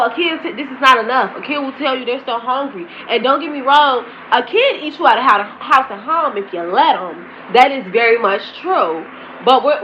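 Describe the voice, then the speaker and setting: A woman's voice: sits high, bright, forceful tone, slight background noise, rough recording. A woman blogger ranting heatedly in casual slang, talking straight to her viewers in a commentary vlog. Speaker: celebrity gossip blogger.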